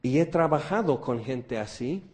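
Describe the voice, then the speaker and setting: A man's voice: mid-range voice, animated, normal speed, darkish tone. A man preaching a conversational sermon, asking rhetorical questions and adding jokes.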